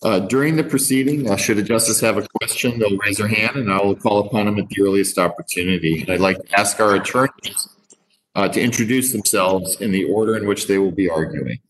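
A man's voice: on the low side, brisk, low-quality recording. A man speaking as presiding judge, giving formal procedural instructions in a somewhat hesitant way. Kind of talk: formal court proceedings talk.

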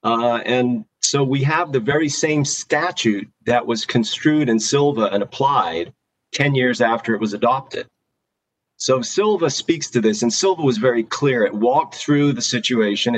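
A man speaking as a lawyer in formal oral argument, deliberate and emphatic. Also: mid-range voice, low-quality recording. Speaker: lawyer arguing an appeal.

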